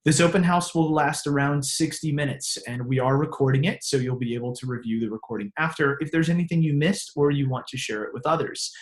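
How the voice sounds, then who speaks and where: A man's voice: on the high side, fairly quick, hardly any pauses. Man hosting an online open house. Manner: friendly, scripted introductions with small slips. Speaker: host. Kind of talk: webinar hosting. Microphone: video call.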